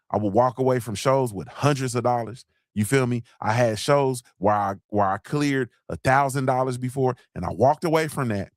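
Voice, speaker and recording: A man's voice: medium pitch, no echo, studio quality. A man hosting a morning show, giving fired-up motivational talk and repeating lines for emphasis. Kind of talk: motivational live-stream talk.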